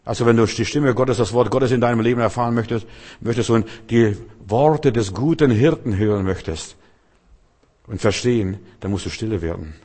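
A man preaching a free-flowing sermon in a mid-pitched voice. He talks straight to his listeners with rhetorical questions. His delivery swings between loud, lively bursts and quiet, low asides. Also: moderate pace. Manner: addresses listeners directly, often with rhetorical questions.

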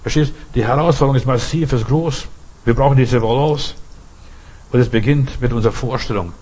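Husky German-speaking man preaching. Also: brisk, a little mellow, rough recording. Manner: rhetorical questions, emphatic repetition; acts out quoted voices with sudden pitch jumps. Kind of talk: sermon.

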